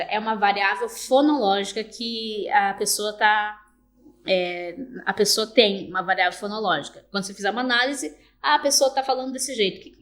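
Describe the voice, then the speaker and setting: A woman lecturing online, explaining step by step, checking in with "tá?" and sounding out example words slowly. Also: mid-range voice, fairly bright tone. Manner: explanatory, with frequent restarts and checking "tá?". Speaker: university lecturer.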